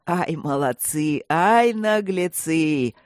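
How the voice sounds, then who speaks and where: An ancient male dragon, as a woman reader puts him on, amused and mocking, with slow, heavy speech dropped well below her own pitch. The sound is dry and close, with a dark, low tone throughout this audiobook figure. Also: no room sound, natural voice. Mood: roaring laughter. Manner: slow, booming, lower voice.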